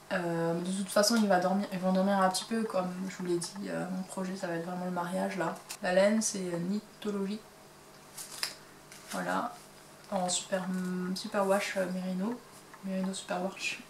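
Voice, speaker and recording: A woman's voice: mid-range voice, echoey room. A woman talks casually about her crafts, hesitating often, in a mid-range voice. She sounds a little far from the mic in a resonant room, with a faint hum of ambience behind her. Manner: chatty, hesitant, many fillers. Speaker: crochet and knitting podcast host. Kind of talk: casual chat showing items to camera. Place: home craft workshop.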